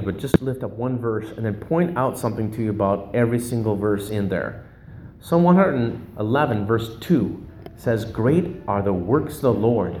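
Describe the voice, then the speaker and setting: A man's voice: medium pitch, a little mellow, roomy sound, slight background noise. A man preaching a sermon in an informal, conversational way, sometimes hunting for his notes and restarting phrases. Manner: casual, searching for words, loses his notes. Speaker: pastor.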